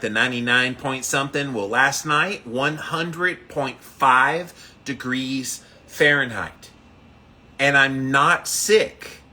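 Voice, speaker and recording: A man hosts a casual daily ice bath challenge livestream, greeting viewers by name and reading their comments aloud. He sounds upbeat and repeats himself, his mid-range voice carrying a sharp tone.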